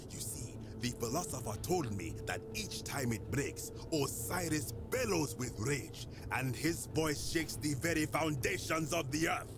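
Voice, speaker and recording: Slow solemn zealot guy, threatening, dramatic swings in pitch, video game villain type. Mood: grimly defiant. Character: stern menacing zealot guarding the underworld god's honor.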